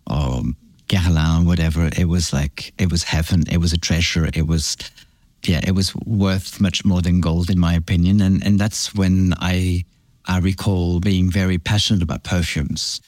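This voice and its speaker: In a relaxed interview, a guest who founded a fragrance brand, a middle-aged man from France and Belgium, reminisces warmly. He speaks low-pitched, pausing and restarting often as he reflects, captured in a dry recording.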